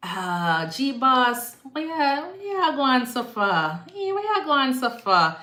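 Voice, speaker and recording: A Jamaican-accented woman, a nurse, hosts a casual live-stream Q&A in an echoey room, answering viewer comments. Her voice sits high with big pitch swings, slow and bright with a forceful edge. She's chatty, repeats herself, and slips into patois phrasing now and then.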